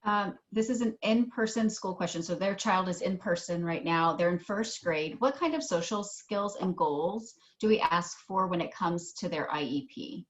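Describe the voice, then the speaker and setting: A woman's voice: lowish voice, moderate pace, hardly any pauses. A woman moderating a webinar, reading out audience questions with some ums. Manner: reads questions with um fillers. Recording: dull lo-fi web audio.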